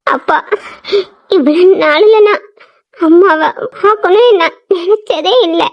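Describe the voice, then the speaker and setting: A woman's voice: very high-pitched, lively intonation, normal speed, highs cut off. A woman voicing a mistreated, grieving young bride in a cartoon drama, crying and pleading. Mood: tearful. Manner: tearful and pleading.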